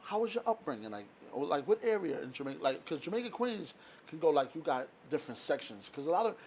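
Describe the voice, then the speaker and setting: A man hosting a casual podcast interview, laid-back and quick to affirm with no doubt and dope. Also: a little high, big pitch swings, darkish tone, muffled recording. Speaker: podcast host. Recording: faint background noise.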